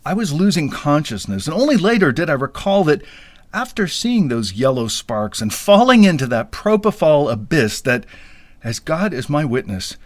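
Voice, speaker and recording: A man's voice: fairly high pitch, very animated, moderate pace, no echo. A man telling a funny personal story in a wry, self-deprecating, playfully dramatic way. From US Midwest. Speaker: podcast storyteller. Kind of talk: comic first-person storytelling.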